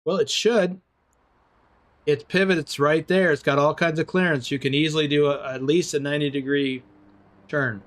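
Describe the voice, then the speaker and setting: An older man with a slightly raised voice, talking in a relaxed, chatty way during a live game stream. He greets viewers by name and answers their comments as he plays, easygoing and unhurried. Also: fairly high pitch. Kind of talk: casual live-stream commentary while playing.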